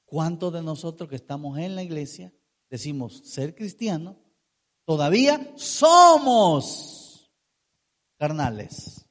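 Emphatic high-voiced male preacher. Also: big pitch swings, takes it slowly. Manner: emphatic, asks rhetorical questions, stretches key words. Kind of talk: sermon.

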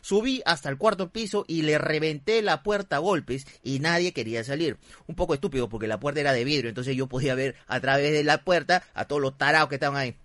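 A man's voice: on the high side, no room sound. A young man with a Peruvian accent hosting a comedy podcast, retelling a listener's story with lots of swearing and acted-out voices. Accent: Peruvian Spanish. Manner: animated, swears often, acts out the people in the story with big voice jumps. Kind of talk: comic storytelling, live podcast.

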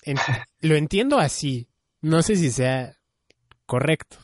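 A man's voice: a little high, expressive, takes it slowly, no echo, studio quality. A young man chatting casually, musing and hedging with many fillers. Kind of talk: casual chat about anime.

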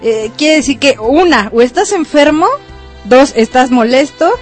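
Woman, radio co-host, high voice, lively, faint music behind. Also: a little slow. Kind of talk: casual radio banter.

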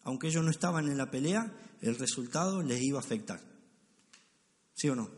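A man's voice: medium pitch, a little mellow. A man preaching a sermon as pastor, driving his points home and often checking in with the congregation. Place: church hall. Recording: long church hall reverb.

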